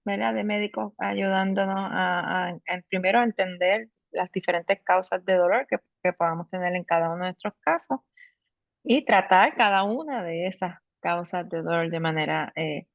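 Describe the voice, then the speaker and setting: A woman's voice: on the low side, moderate pace, vocal fry. A woman hosts an online talk, chatty and affirming as she moves the conversation along. Her voice sounds dry, with no room echo. The recording is dull and lo-fi. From Puerto Rico. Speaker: host.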